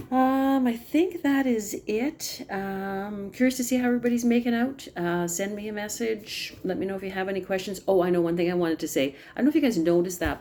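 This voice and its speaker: Low mellow-voiced lady on a zoom call, rambling team update, lots of ums, faint room hum. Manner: chatty, many ums and restarts, apologizes for talking fast. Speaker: team leader of direct sales consultants. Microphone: video call.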